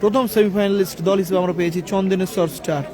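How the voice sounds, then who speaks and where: A man's voice: high voice, steady tone, racing. A man giving live football commentary and chatting to online viewers. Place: outdoors at a local football ground. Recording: loud crowd at an outdoor match. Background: loud crowd noise.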